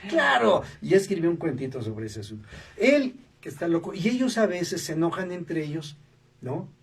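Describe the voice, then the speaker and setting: A man's voice: fairly high pitch, normal speed, slightly rough. A man, a radio show guest telling stories and acting out the voices of people he quotes. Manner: animated, acts out quoted voices, tags remarks with "¿no?". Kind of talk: storytelling interview talk. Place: radio studio. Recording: distant mic, faint background noise.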